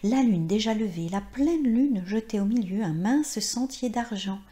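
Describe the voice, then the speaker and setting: Woman reading a short story out loud, calm and measured, mellow warm tone. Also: mid-range voice. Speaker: story reader. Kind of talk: scripted narration of a short story.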